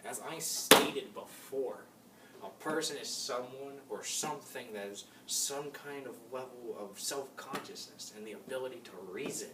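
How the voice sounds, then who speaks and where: A young man playing a calm male moral philosopher in a class-project mock debate, reading his lines a bit stiffly with some hesitations. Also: mid-range voice, normal speed, close to an everyday voice. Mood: plain. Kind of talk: amateur class-project role-play. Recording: echoey room, mic far off, noisy.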